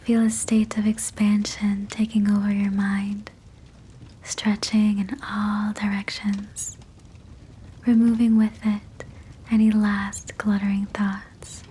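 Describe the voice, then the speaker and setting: A woman whispers a sleep hypnosis right up close to the microphone, her voice all breath with no tone behind it. She moves slowly, her pitch barely shifting, and the whisper is dark and mellow. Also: monotone, slightly rough, rough recording. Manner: soft unvoiced whisper, slow soothing guidance.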